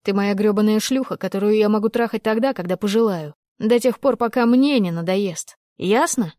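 A woman's voice: medium pitch, fairly quick, a little mellow, dry recording, clean studio sound, natural voice. A woman voicing a drunk, possessive young man who speaks harshly with false tenderness, in an audiobook reading. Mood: furious.

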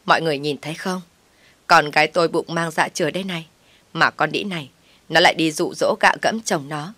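A woman voicing a fierce, tough middle-aged mother who talks loudly and bossily. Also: sits low, fairly quick, no echo. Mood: indignant. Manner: loud and bossy.

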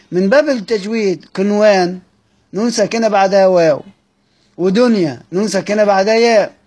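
Egyptian man, fairly high voice, teacher who explains a text line by line and keeps quizzing the class. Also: a little mellow. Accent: Egyptian Arabic. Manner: repeats phrases, quizzes his listeners. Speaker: teacher of Quranic recitation. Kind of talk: recorded lesson reading and explaining a text.

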